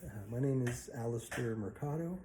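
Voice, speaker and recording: A man in his forties from the Philippines introducing himself to a class in a casual, halting way with many fillers. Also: medium pitch, reverberant, noisy background. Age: 40s.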